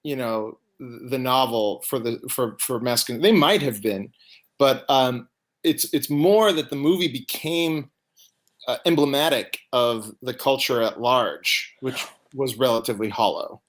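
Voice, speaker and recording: A man's voice: medium pitch, measured pace, fairly bright tone. A man speaking as a guest in a casual interview, hesitantly thinking his points through aloud. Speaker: podcast guest, essay writer.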